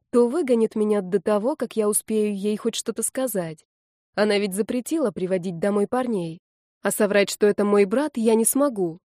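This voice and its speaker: A woman's voice: medium pitch, warm tone, no room sound. Woman narrating an audiobook, dry sound. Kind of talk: first-person audiobook narration.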